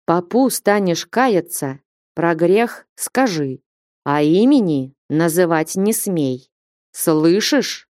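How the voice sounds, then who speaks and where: A woman voicing a stern, grieving old male merchant who scolds and threatens slowly in a storybook reading. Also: lowish voice, animated, a little mellow, no room sound, studio quality. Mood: threatening. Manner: reproachful, threatening.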